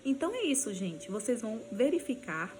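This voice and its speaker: A woman with a Brazilian Portuguese accent teaching a language lesson. She talks patiently, checks in often with short tags and slows down to model pronunciation. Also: a little high, sing-song, noisy background. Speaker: Spanish teacher.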